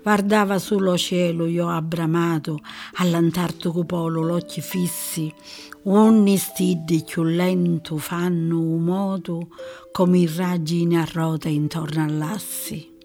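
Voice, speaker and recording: Slow Sicilian woman reading verse. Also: on the low side. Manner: expressive, measured. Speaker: reader. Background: faint music.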